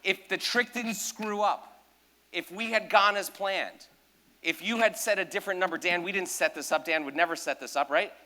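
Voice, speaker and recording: A man's voice: sits high, moderate pace, sharp tone. Upbeat man doing stage patter. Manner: joking, self-deprecating, talks to audience. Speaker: magician performing at a gala. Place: large ballroom.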